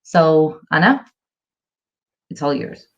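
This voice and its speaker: A woman's voice: sits low, expressive, takes it slowly. A woman moderator introducing a speaker with a short bio. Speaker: event moderator. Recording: dull lo-fi audio.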